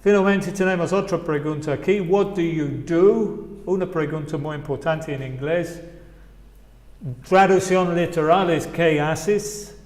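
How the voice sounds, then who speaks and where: Slow-speaking English teacher in echoey room. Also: male voice, a little high, a little mellow. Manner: slow, drawn-out model phrases for students to repeat. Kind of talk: online group English lesson. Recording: echoey room with long reverb.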